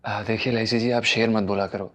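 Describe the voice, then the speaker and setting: A man's voice: lowish voice, level tone, a little fast, lightly acted. An actor playing a polite, nervous man in a comedy TV serial. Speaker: lead comic character.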